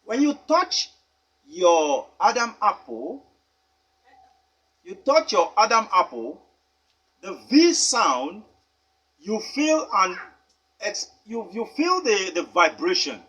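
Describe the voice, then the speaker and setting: Emphatic husky-voiced male teacher. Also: high-pitched, very animated, fairly bright tone. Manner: deliberate and emphatic, spells words out letter by letter. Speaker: English teacher. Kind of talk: pronunciation lesson.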